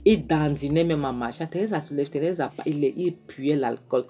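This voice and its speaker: A woman giving a casual film recap with animated, shocked asides. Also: deep voice, normal speed, soft background music.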